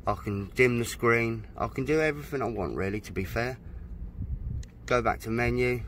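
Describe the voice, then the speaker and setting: This UK man's voice is medium in pitch and fairly bright, with a slight hiss or hum on the recording. In an easygoing product demo outside at a dry-stacked boat, he reads the stereo's menu items aloud in a relaxed, talkative way.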